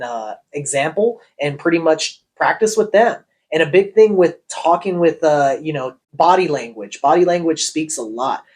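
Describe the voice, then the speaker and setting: A man, a real estate agent, giving sales training on cold calling and acting out call lines as he explains. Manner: acts out call lines with shifting pitch.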